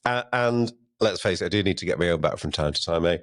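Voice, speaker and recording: A man's voice: deep voice, animated, quick pace, a bit bright, no room sound. A British man co-hosting a podcast, chatting with dry, teasing banter. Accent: British English. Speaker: podcast co-host. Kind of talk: podcast chat.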